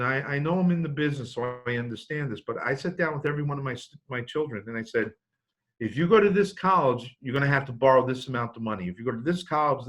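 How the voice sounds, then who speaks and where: Brief: fifties man presenting financial aid to parents, folksy and anecdotal, with a bright tone. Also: a little high. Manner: anecdotal, joking, with many restarts. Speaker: college financial aid speaker. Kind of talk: informational talk to parents.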